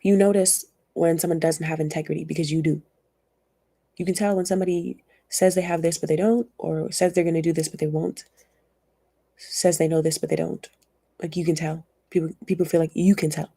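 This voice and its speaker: A young woman talks her way through a casual tarot reading in a rambling, chatty manner, often laughing along. Her voice sits low and dark, with a gravelly, husky edge. The sound is dry and close, with no room in it. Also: flat delivery, a little fast, dry recording. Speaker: tarot reader.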